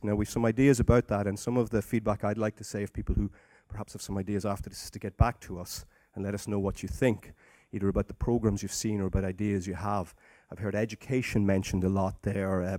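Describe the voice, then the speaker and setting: A man's voice: fairly low pitch, mellow, no echo. A man with an Irish accent chairing a conference discussion, speaking off the cuff. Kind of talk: moderating conference discussion, unscripted.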